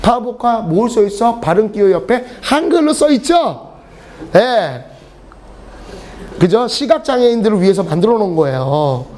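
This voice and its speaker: This middle-aged man teaches English to a class, his high voice moving at normal speed. His lecture is built on funny stories, delivered animatedly and jokingly, with laughter popping up mid-sentence and between sentences.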